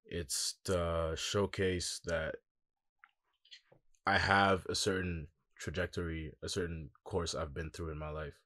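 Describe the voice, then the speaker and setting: Reflective young man with a deep voice. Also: slow, dry recording, clean studio sound. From Congo. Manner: relaxed, reflective, lots of "like" and "um". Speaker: musician guest. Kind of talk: casual interview.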